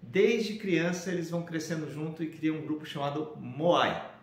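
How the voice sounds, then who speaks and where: A man speaks directly to his viewers in a casual, upbeat way, like a speaker pitching an idea. His voice sits a little high for a man. The camera mic picks up a noticeably roomy, echoey studio space. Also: normal speed. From Brazil. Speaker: professional speaker. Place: indoor studio room with shelves.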